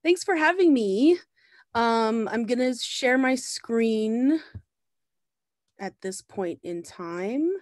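A woman's voice: on the high side, lively intonation, slow, darkish tone, no room sound, studio quality. A woman in her thirties, raised in the Bahamas, gives an easygoing slide talk over a video call, with many ums and restarts. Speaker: visiting artist giving a talk. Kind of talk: presenting slides in a lecture.

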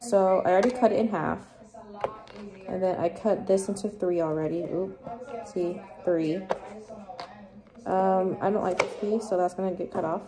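A woman's voice: lowish voice, moderate pace, long pauses, crowd noise. A woman in her late twenties talking casually and bluntly to her phone camera while she cooks in her kitchen, swearing freely. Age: late 20s. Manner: blunt, profane, chatty. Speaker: vlogger. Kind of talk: casual vlog chat. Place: small apartment kitchen, indoors.

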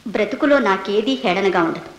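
A young actress playing a weary, bitter second wife giving quiet, resigned answers in court. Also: female voice, mid-range voice, a little fast, natural voice. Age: young adult. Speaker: witness in court. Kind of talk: 1970s Telugu film acting. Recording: echoey old film soundtrack with music.

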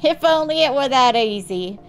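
A woman's voice: high-pitched, lively intonation, moderate pace, soft background music, voice pushed up. A woman voicing a worn-out, broke middle-aged father with an attempted Australian accent, apologetic and putting on forced cheer. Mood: weary.

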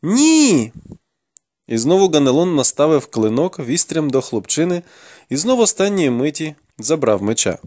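A man narrating a fantasy novel in the first person with expressive, dramatic storytelling. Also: a little high, a little fast. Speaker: audiobook narrator.

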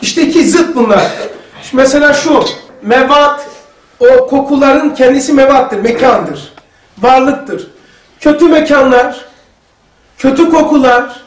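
Male religious teacher, high voice, lively storyteller, roomy sound from off-mic. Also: measured pace, pauses often, distant mic. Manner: lively storytelling, acting out dialogue. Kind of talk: religious lesson to a group. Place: lesson room.

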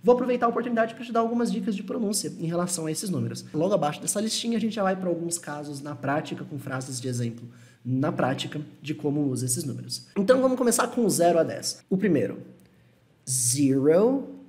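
Young male teacher, casual and encouraging, slow repeats of example words. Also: on the high side, expressive, darkish tone. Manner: friendly, reassuring, repeats words slowly to model pronunciation. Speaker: English teacher. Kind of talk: casual online lesson.

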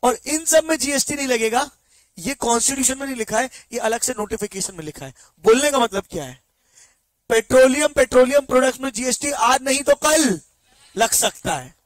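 High-voiced male teacher quizzing his class. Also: dry recording. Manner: keeps quizzing students with quick check questions; mixes Hindi with slow English read-outs from the text. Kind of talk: online exam-prep lecture.

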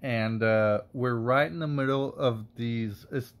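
A man's voice: medium pitch, steady tone, unhurried. A man vlogging, rambling and getting heated, with many fillers and curses. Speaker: wine reviewer and vlogger. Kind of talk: casual rant to camera.

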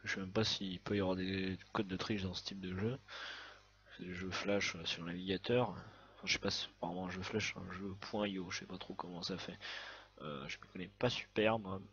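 A man giving a chatty, excitable let's-play commentary on a browser game, swearing often as he plays. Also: low-pitched, moderate pace, muffled recording. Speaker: gaming video host.

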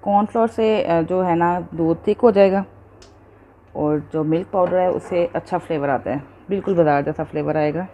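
Low-voiced woman teaching a home recipe. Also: normal speed, mellow, highs cut off, a little hiss or hum. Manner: patient, explains each step, checks in with viewers. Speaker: cooking show host. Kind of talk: step-by-step cooking instruction.

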